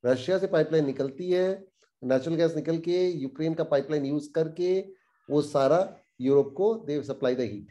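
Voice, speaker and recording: This host, a man with a fairly high pitch, explains current affairs casually at a measured pace. He sounds animated and indignant, and mixes English phrases into his speech.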